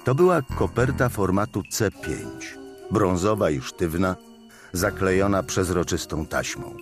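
Male audiobook narrator, very deep, expressive intonation, measured crime storytelling. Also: music in the background.

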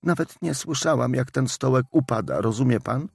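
A man voicing a middle-aged widow who speaks quietly and haltingly, full of sorrow, in an audiobook. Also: mid-range voice, expressive, vocal fry, husky, no echo, clean studio sound, soft background music, pitched above the performer's own voice. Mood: grieving, subdued. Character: grieving widow, middle-aged woman, subdued.

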